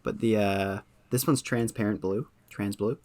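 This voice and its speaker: Low-voiced rambling podcast man. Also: steady tone, a little slow, a little mellow, no room sound. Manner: rambling, many ums, enthusiastic. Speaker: podcast host. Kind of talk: casual chat.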